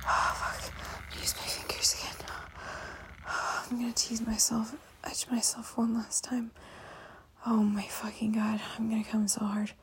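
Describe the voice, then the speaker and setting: Slow, whispering young woman. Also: fairly high pitch.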